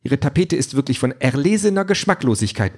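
A man's voice: medium pitch, lively intonation, a little fast, a little mellow, pitched above the performer's own voice, lightly acted. A man voicing a haughty, vain female android poet with a pompous, theatrical manner. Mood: disdainful.

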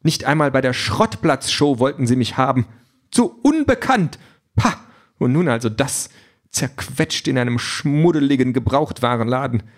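A man's voice: medium pitch, animated, normal speed, pitched above the performer's own voice, natural voice. A man voicing a haughty, vain female android poet with a pompous, theatrical manner. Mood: self-pitying.

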